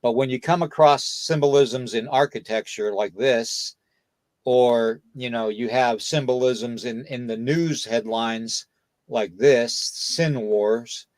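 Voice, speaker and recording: Slow and a little mellow, an American podcast host talks at medium pitch with no room sound. He chats casually but lectures as he goes, dropping "okay?" and "you know" between his points.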